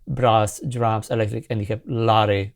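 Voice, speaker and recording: In a compact home music studio indoors, a man in his forties, English not his first language, hosts an informal synth tutorial, enthusiastically but haltingly demonstrating a plugin as a sound designer. His creaky voice sits on the low side with little pitch movement. Loud synthesizer music plays behind him.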